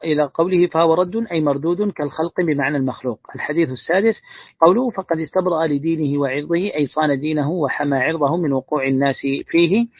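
Male sheikh, quick husky delivery, reads a text aloud and glosses it, dull dry lo-fi recording. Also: on the high side, no room sound. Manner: reads a classical text aloud, then adds brief plain remarks. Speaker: sheikh teaching hadith. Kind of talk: religious lesson reading and explaining a text.

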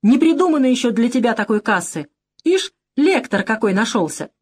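A shrieking, contemptuous male ringleader from an audiobook, as a woman reader puts him on. His voice climbs high and sharp with scorn, hysterical when cornered. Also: very animated, moderate pace, husky. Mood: shrill scornful. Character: shrill, scheming male camp ringleader, hysterical. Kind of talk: audiobook character voice.

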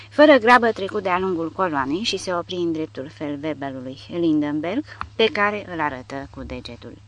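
A man narrating an audiobook in a steady, measured reading style. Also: fairly high pitch. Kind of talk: scripted narration.

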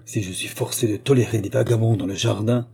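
A man's voice: on the low side, steady tone, a little fast, creaky, slightly rough, heavily acted. A man doing a bitter, curt spinster. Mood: bitter fury. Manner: curt, sharp and venomous. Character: bitter, furious middle-aged female housekeeper. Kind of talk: audiobook character reading.

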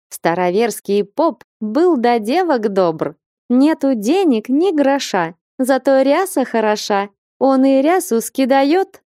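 A woman reading an audiobook voices a lively, teasing young novice girl in a higher, sing-song voice. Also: no echo, studio quality, natural voice.

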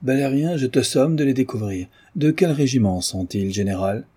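Imperious fiery old countess in a storybook, read by a man with a husky voice. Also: lowish voice, moderate pace, warm tone. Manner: indignant, commanding society talk.

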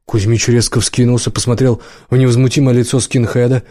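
A man with a medium-pitched voice narrates an audiobook in an even, measured storytelling style. The recording is dry, with clean studio sound.

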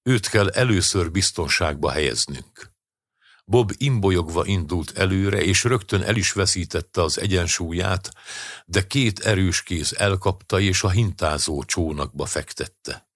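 Deep, husky male audiobook narrator. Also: no room sound, clean studio sound.

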